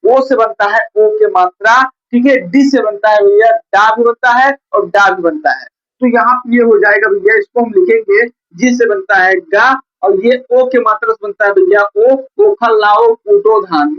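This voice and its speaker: A man's voice: high-pitched, a little slow. Male tutor at a board, patient and repetitive, dull lo-fi sound. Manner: patient, repeats "theek hai" and "bhaiya" often. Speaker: teacher. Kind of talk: blackboard reading lesson. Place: coaching classroom at a board. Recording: dull lo-fi recording.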